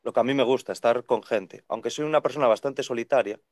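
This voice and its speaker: A man in his thirties, a second-hand bookseller, chatting on a video call in an animated way, talking in long runs. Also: medium pitch, fast talker, no room sound, clean studio sound. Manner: animated, talks in long runs and acts out quoted voices. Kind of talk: casual conversational interview. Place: bookshop with full shelves behind. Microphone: video call webcam.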